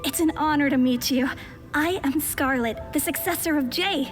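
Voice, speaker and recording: A woman's voice: high-pitched, moderate pace, faint music behind, close to an everyday voice. Woman playing a formal, courteous young mage. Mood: composed.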